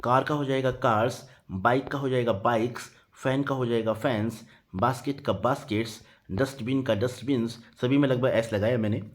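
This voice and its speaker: A man's voice: medium pitch, fairly even intonation, normal speed, hardly any pauses. A man teaching English grammar in a Hindi lesson. He spells words out letter by letter and keeps checking in with "theek hai" after each point.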